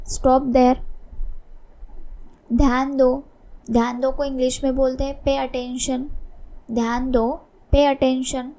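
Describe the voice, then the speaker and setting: A woman teaching English phrases, saying each one slowly and repeating it with a short explanation. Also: high-pitched, creaky, dark tone. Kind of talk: spoken English lesson.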